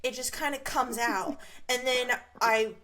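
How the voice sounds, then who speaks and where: A woman's voice: fairly high pitch, measured pace, bright, forceful tone. A woman co-hosting an interview podcast, playful and joking in a casual chat. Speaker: podcast co-host.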